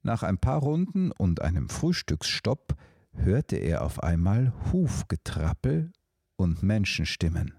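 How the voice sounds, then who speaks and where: A man narrating a storybook in a calm, measured way. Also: deep voice, vocal fry, slightly rough, no echo, studio quality.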